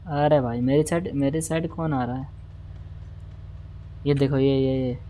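A man doing live gameplay commentary, talking straight to his viewers, repeating words in quick bursts and humming la-la while he plays. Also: mid-range voice, slight background noise. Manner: excitable, repeats words in rapid bursts, hums la-la while playing; talks directly to viewers, asking for follows and shares. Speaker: gaming livestreamer.

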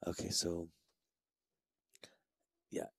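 A man giving soft-spoken, agreeable commentary on a pool match, often dropping close to a whisper. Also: drawn-out words, no room sound. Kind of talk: relaxed live play-by-play commentary.

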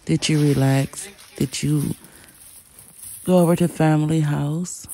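A woman giving a casual vlog voice-over, chatting to her viewers in an unhurried way. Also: low-pitched, fairly even intonation, warm tone, a little hiss or hum. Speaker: family vlogger.

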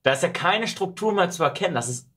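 A young man streaming, casually reacting to videos and breaking into high shrieking outbursts. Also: animated, fast talker, fairly bright tone. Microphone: studio mic on arm, headphones.

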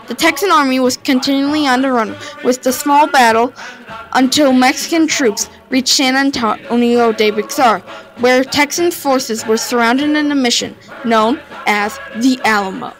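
A woman's voice: sits high, moderate pace, faint music behind, poor audio. A woman reading a history narration for her own video, informal and a little stumbling, with sudden upward jumps at each new turn in the story. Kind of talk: read-aloud history narration.

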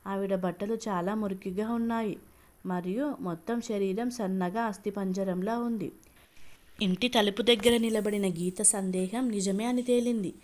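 A woman reading a dramatic family story aloud in an even, steady storytelling manner. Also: mid-range voice, normal speed. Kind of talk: scripted narration.

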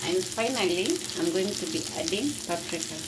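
A woman's voice: lowish voice, a little fast, very noisy. A woman vlogging from her home kitchen, chatting to her viewers as she cooks. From Kenya. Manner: chatty, talks to viewers while cooking. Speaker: cooking vlogger. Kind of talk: casual cooking narration.

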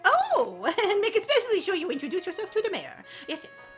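A woman's voice: very high-pitched, huge pitch swings, brisk, faint music behind, full character voice. Woman doing a fussy raccoon shopkeeper. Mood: mock-formal. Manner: keeps tacking on "yes, yes".

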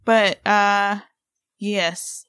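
A woman's voice: medium pitch, extremely slow, smooth, no room sound, studio quality. Chatty woman co-hosting a podcast. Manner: rambling, filler-heavy, excitable. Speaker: podcast co-host. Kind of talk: casual podcast chat.

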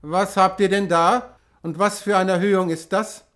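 A man's voice: sits high, normal speed. An earnest, devout abbot in his fifties, as an audiobook reader puts him on, pressing his questions in a slightly raised voice. He speaks with clerical authority that tips into urgency. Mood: probing. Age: 50s. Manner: questioning, then urgent and excited. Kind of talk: audiobook reading.

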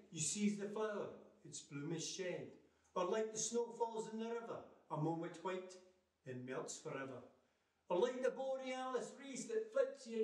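An older Scottish man with a high voice gives a theatrical, emphatic, measured recital of Scots narrative poetry. He performs in a living room with a fireplace, and the distant microphone picks up a roomy sound.

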